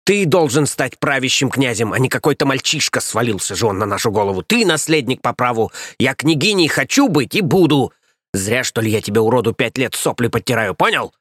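A man voicing a coarse, scheming stout nursemaid woman who scolds and sneers in a raised, shrill voice. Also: very animated, brisk, fairly bright tone, no room sound, clean studio sound. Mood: scolding. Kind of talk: audiobook character voice.

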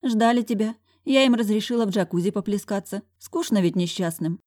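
A woman's voice: mid-range voice, fairly quick, darkish tone, dry recording, studio quality, voice pushed up, lightly acted. Cooing motherly housekeeper, read by a woman. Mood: doting, cooing. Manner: affectionate, cooing, sly. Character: teasing motherly female housekeeper, middle-aged.

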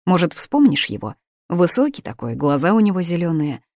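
A woman voicing a strict middle-aged father who directs a theater, speaking in a measured, firm way. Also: fairly low pitch, sing-song, darkish tone, dry recording, clean studio sound. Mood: earnest.

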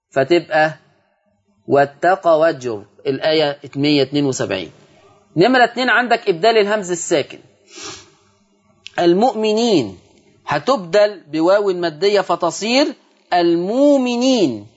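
High-voiced Egyptian man teaching recitation. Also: dull audio. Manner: explains quickly, then recites words slowly. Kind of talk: televised lesson with drawn-out recited examples.

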